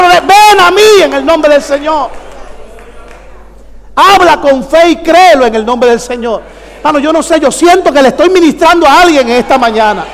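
Fervent high-voiced male preacher. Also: big-room sound. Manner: fervent, calls out to the congregation. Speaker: pastor. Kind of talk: sermon.

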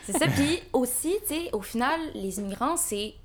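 A woman's voice: sits high, animated, normal speed, a loud crowd. A woman in a casual panel chat, making her points emphatically.

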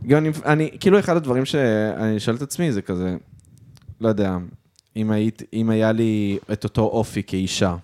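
A man hosting a casual podcast chat from an apartment, talking softly into a microphone with many restarts. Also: on the low side. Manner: soft-spoken, halting with restarts. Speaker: podcast host. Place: apartment at home.

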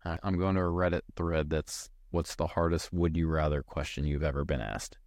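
A man's voice: very deep voice, fairly even intonation, fairly quick, darkish tone, dry recording, clean studio sound. A man co-hosting a podcast, joking, swearing freely and pressing his point in casual chat. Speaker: podcast co-host.

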